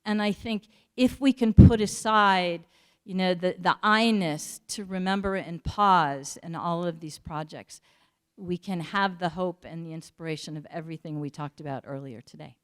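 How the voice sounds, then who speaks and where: A woman giving a community talk, earnest and searching for words with fillers and pauses. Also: fairly low pitch, clear, resonant tone. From United States. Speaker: panel speaker.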